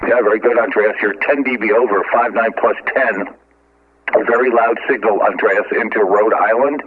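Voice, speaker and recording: A man's voice: lowish voice, steady tone, husky. Man making a ham radio call over tinny narrowband audio. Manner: halting, with frequent filler sounds. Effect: ham radio call over a narrowband transceiver. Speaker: amateur radio operator. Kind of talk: on-air ham radio call with phonetic call signs.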